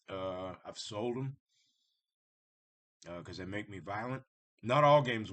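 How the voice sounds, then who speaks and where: Low-voiced man rambling to camera. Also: a bit bright. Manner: rambling, circling back on himself with restarts; blunt and conversational, addresses viewers directly. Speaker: vlogger talking about Satanism. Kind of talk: casual unscripted monologue.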